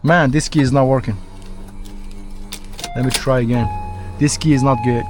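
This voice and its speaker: Here a man from Turkey talks at a moderate pace in a mid-range voice with fairly even intonation and a Turkish accent. As a locksmith on a job at a customer's vehicle, he chats informally and tends to repeat himself; the audio is noisy from the work site.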